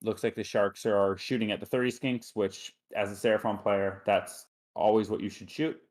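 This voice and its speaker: A man's voice: lowish voice, normal speed, a little mellow. A man co-commentating a tabletop wargame tournament, chatty and loose, jokey and full of "like" and "you know". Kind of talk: casual live game commentary.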